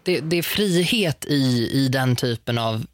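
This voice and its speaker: A young man in casual chat, telling lively stories full of fillers and restarts. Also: mid-range voice, dry recording, studio quality. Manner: animated storytelling with hesitant fillers.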